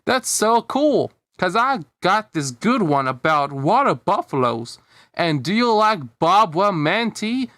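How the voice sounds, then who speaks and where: Man doing Larry the Cucumber, a high-voiced little kid. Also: big pitch swings, slow pace, fairly bright tone, dry recording, heavily acted. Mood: friendly, excited. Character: shy, friendly eight-year-old boy cucumber, cartoon kid.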